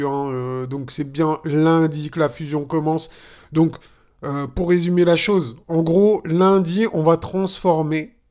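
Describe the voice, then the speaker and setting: A man's voice: fairly high pitch, a little mellow. A man hosting a casual market-analysis vlog, chatty and joking, with lots of fillers. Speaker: crypto channel host.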